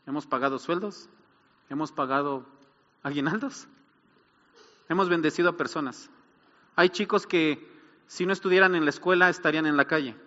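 A man's voice: on the high side, moderate pace, long pauses, bright, forceful tone, in a large hall, highs cut off. A middle-aged man, preaching a sermon as pastor, building emphasis and asking rhetorical questions.

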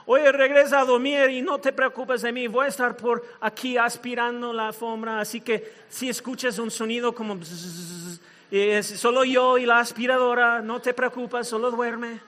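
A Mexican preacher doing a whiny young temptress, high, bright, pleading, echoey hall. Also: male voice, flat delivery, normal speed, few pauses. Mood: sugary. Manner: pleading, mock-tearful, sugary. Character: whiny, wheedling young woman, the temptress Delilah.

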